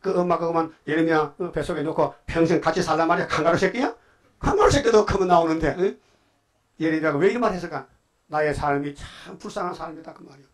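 A male pastor giving a Sunday afternoon sermon, telling Bible stories in casual speech and prodding the congregation with quick questions. He swings between loud outbursts and quiet asides. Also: fairly high pitch. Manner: colloquial storytelling preaching, prodding the congregation with "예?".

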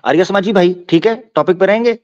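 A man's voice: high-pitched, brisk, a little mellow. A man from Pakistan hosting a heated online debate, combative and mocking, often talking over the others. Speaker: debate host. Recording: lo-fi call audio.

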